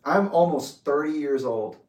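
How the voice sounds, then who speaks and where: A man in his late twenties giving an intense, accusatory personal reflection, speaking deliberately. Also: a little high, a little mellow. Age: 20s. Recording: echoey room, distant mic.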